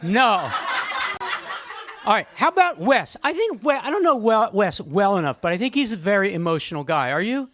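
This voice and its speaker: This mid-range, sing-song voice moves at a moderate pace over a noisy background. Indoors at a live gathering, the host runs the discussion casually, teasing participants, naming who speaks next, and sharing some poetry.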